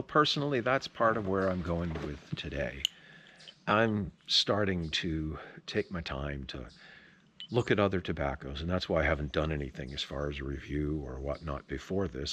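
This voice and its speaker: A man's voice: sits low, fairly bright tone, slightly rough. A man chatting casually to camera as a pipe tobacco vlogger, rambling along in an opinionated, folksy way. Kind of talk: casual rambling video chat.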